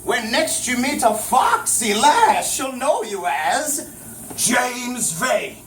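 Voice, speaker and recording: Spoken-word piece: mystical goat spirit, voiced by a man, deliberate rhyming delivery, distant mic. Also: very high voice, sing-song, fairly bright tone, full character voice. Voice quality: slow, rhyming incantation. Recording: roomy and distant, faint noise.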